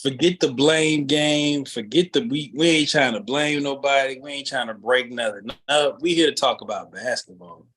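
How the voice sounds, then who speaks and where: A man with a husky, slightly rough voice at a middle pitch hosts a laid-back basketball podcast. He talks loosely and conversationally, stretching out his phrases as he opens topics for the panel. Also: normal speed, few pauses, fairly bright tone, low-quality recording. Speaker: podcast host. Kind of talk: casual basketball chat.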